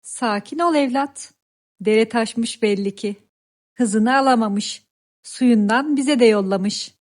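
A woman's voice: on the high side, slow pace. A woman voicing a wise, kind grandmother frog who soothes the young ones in a children's story. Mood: soothing. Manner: soothing, reassuring.

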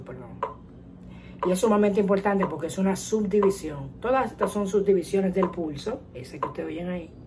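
A woman teaching a guitar lesson, explaining calmly step by step and counting rhythms out loud. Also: fairly low pitch, noisy background. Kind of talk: casual music lesson. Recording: guitar and metronome playing behind. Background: guitar playing and metronome clicks.

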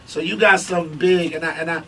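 A man's voice: fairly high pitch, steady tone, fast talker. A man hosting a morning radio show, delivering hype, upbeat announcer banter. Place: radio studio. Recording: distant camera sound with faint noise.

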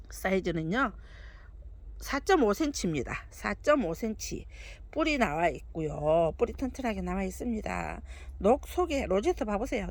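A woman presenting succulents for sale, counting off lot numbers, sizes and prices in a chatty, doting way. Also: medium pitch. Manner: chatty, doting, calls plants "아이". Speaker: succulent seller. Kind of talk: live sales presentation.

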